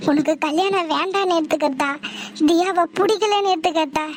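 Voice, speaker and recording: A woman voicing a worried village mother who coaxes her son in an animated drama. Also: extremely high pitch, a little fast, slight background noise. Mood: coaxing. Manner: coaxing, pleading.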